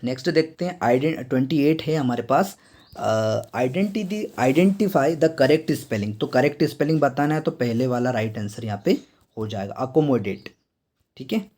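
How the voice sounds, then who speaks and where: Mellow-voiced Indian man quizzing students. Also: mid-range voice, expressive. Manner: repeats quiz questions to students, reads English items slowly. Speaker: teacher explaining exam answers. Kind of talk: exam answer walkthrough lesson.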